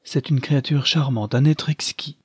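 A man voicing a serious, troubled young gentleman who speaks in a confiding tone. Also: mid-range voice, fairly even intonation, normal speed, slightly rough, no echo, studio quality, pitched above the performer's own voice. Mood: earnest.

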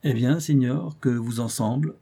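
A man's voice: medium pitch, normal speed, dark tone, breathy edge, natural voice. A man voicing a bold, cheeky poor kitchen boy in a storybook reading. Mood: eager. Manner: eager, cheeky.

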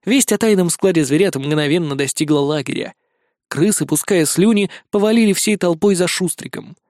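Lively male audiobook narrator, dry sound. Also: high voice, moderate pace, no room sound. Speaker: audiobook reader. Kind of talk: storybook narration.

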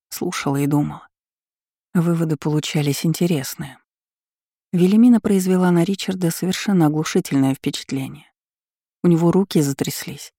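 A woman reads a first-person fantasy story aloud, calm and reflective. Her voice is dark and mellow, and the recording is close and dry, with no room sound. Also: low voice, dry recording. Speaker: audiobook narrator.

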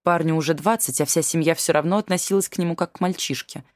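Low-voiced woman narrating a novel. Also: fairly even intonation, quick pace, no echo, clean studio sound. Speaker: audiobook narrator. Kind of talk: scripted narration.

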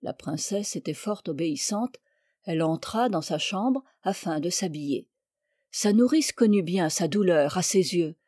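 Woman narrator, fairy tale reading, warm mellow voice, close and dry. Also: lowish voice, animated, measured pace, no room sound. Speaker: reader. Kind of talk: storybook narration.

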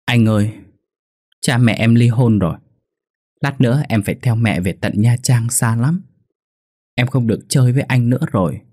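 A man's voice: on the low side, moderate pace, darkish tone, no echo, clean studio sound, natural voice. A man voicing a naive, clingy little boy who pleads and sobs. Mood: sobbing. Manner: sobbing, pleading.

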